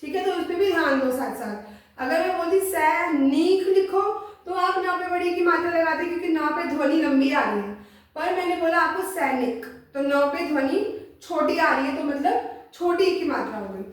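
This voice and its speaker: A woman teaching Hindi spelling, explaining patiently, sounding out syllables slowly and checking in with her students often. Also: very high voice. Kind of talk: classroom-style explanation. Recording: roomy echo, voice from a distance.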